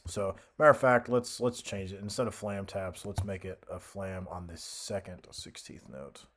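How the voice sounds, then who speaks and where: A man giving a casual software tutorial as an instructor, hesitant and thinking aloud as he goes. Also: sits low, moderate pace.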